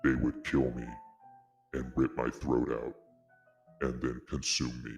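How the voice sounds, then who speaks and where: A vegan lion through a deep voice changer. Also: male voice, level tone, creaky, a little mellow, muffled recording, faint music behind, full character voice. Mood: secretive. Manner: slow, halting, solemn delivery. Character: secretive anonymous male vegan lion. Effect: voice changer pitching the voice very deep. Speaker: podcast guest.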